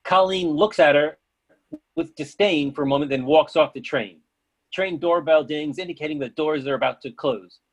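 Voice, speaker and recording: A man narrates a script's stage directions in a theatre reading. His voice sits a bit high and has a husky, rough edge. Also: normal speed.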